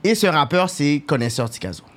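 Animated male host. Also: fairly high pitch, fairly quick. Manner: animated storyteller mixing English slang. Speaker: podcast host. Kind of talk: casual chat.

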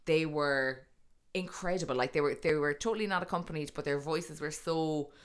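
A woman with a low-pitched voice and a west of Ireland accent from Kerry. She talks like a radio presenter off duty, chatty and colloquial, telling stories with animation and self-deprecation. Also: moderate pace, clean tone. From Tralee, County Kerry, Ireland. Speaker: radio presenter and DJ, podcast guest. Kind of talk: casual chatty interview.

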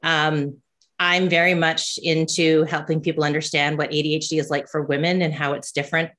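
A woman's voice: low voice, level tone, a little fast, fairly bright tone. A woman who coaches and hosts a podcast, talking casually with many fillers and restarts. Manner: rambling with frequent fillers and restarts. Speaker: ADHD coach and podcast host. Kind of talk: casual conversational chat.

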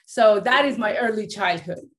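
Her voice sits in the mid-range and is a bit bright, with a moderate pace. She is a life coach in her late thirties, originally from Iran, who comes on as a guest to tell her story, stopping and restarting a lot amid many fillers.

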